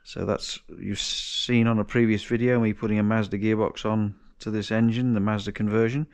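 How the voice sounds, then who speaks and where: A man with a lowish, slightly mellow voice talks at a moderate pace with little pitch movement, casually thinking aloud as he rebuilds an engine, restarting and correcting himself as he goes. He's a home mechanic vlogger in a large, cluttered indoor garage workshop, recorded on a chest-mounted action camera.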